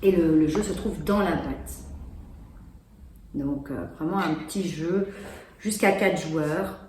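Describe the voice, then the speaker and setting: A woman's voice: deep voice, slow, darkish tone. A woman casually presenting and demonstrating children's board games, explaining as she plays. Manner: chatty, explaining while playing. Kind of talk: casual product demo. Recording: echoey room with faint noise.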